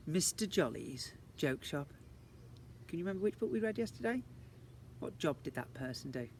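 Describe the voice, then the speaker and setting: Out in a garden, a male teacher reads a storybook aloud to young children, playfully adding questions and asides. His voice is mid-range, creaky, and fairly bright. Faint outdoor noise can be heard in the background.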